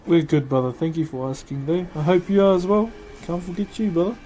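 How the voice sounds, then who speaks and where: A man's voice: a little high, fairly even intonation, fairly quick, mellow, a little hiss or hum. A man with a broad New Zealand accent chats casually on a livestream as he works, in a laid-back, slangy, matey way. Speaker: livestream host. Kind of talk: casual livestream chat while working.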